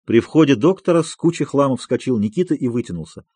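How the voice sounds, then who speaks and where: Husky, expressive male audiobook narrator. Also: medium pitch, dry recording. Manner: expressive, measured reading. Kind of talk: scripted literary narration.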